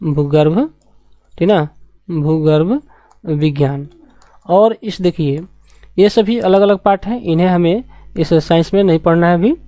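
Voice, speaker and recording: Dark-voiced woman teaching a science class. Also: on the low side, dry recording. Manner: repeats key terms slowly, asks rhetorical questions. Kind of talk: classroom lecture.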